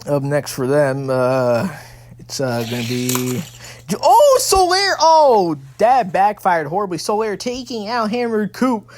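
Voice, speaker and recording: Excitable play-by-play race commentator. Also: unhurried. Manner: excitable, bursts into high exclamations then settles; stumbles and restarts phrases, corrects own calls.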